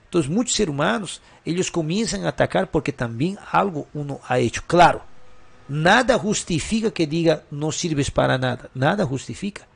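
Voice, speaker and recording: Here a middle-aged male pastor gives sermon advice in a question-and-answer format, constantly adding tag questions and posing rhetorical ones. He speaks at a normal speed with lively intonation in a slightly high voice that is gravelly and husky.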